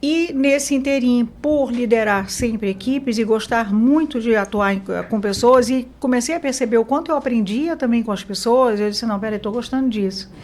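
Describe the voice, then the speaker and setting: A woman from Mozambique speaks as a guest on an interview show. Her voice sits fairly high. She tells her story in a relaxed way, with fillers and self-corrections. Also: normal speed, hardly any pauses. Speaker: business consultant guest. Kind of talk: interview conversation.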